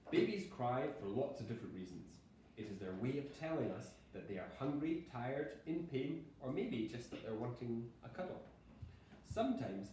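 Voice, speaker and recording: In an echoey classroom, picked up by a distant mic with faint noise, a man with a dark, medium-pitched voice teaches young primary pupils. He explains words plainly and patiently, reads short examples out loud, and offers the children encouragement.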